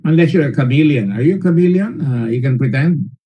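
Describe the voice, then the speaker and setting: A man's voice: fairly high pitch, expressive, brisk, slightly rough, highs cut off. A man with a Filipino accent chairing a formal hearing, questioning a witness sternly, lecturing at length and mixing English and Tagalog. He stalls often on fillers and repeated words. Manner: switches between English and Tagalog mid-sentence.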